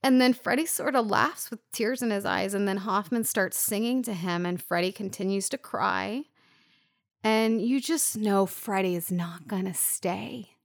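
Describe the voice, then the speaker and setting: A woman co-hosting a casual film podcast, her voice gravelly with vocal fry. She is emotional and near tears as she retells a scene. The recording is dry and close. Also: mid-range voice, a little slow, dry recording. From Las Vegas. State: crying. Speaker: podcast co-host.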